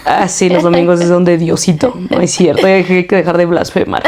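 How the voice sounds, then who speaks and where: A woman's voice: fairly low pitch, flat delivery, brisk, a crowd in the background. A young woman, co-hosting a casual podcast and making joking, teasing asides. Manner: jokey, laughs often, teasing asides. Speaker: podcast co-host. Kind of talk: casual chat.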